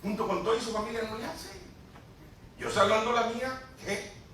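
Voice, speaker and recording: A man's voice: extremely high pitch, fairly even intonation, moderate pace, pushed and bright, a little hiss or hum. A man preaching an impassioned Pentecostal sermon, speaking straight to his congregation. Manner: impassioned, addresses congregation directly. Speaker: pastor. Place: church hall. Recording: echoey church recording from far off.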